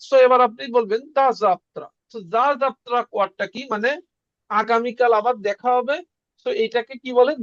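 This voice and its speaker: Brief: male tutor, high voice, dry and slightly dull recording, casual lesson. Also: no echo. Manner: conversational, repeats words slowly for learners. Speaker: Russian language teacher.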